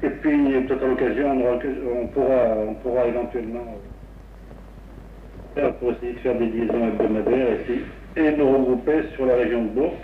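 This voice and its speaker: Heard in a dull, distant, roomy 1960s AM radio recording, a man talks casually on air from his home station about his radio gear. He speaks at medium pitch with fairly even intonation, hesitating and pausing often as he rambles technically, about a metre from a crystal broadcast-style mic, with slight background noise.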